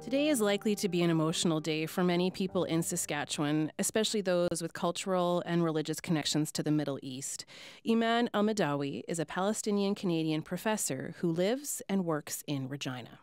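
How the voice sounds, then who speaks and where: A young woman hosting a public radio interview in a studio, asking calm, gentle questions. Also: on the low side, a little fast, clear, resonant tone, dry recording, soft background music. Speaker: radio host. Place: small padded radio studio. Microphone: studio microphone with headphones.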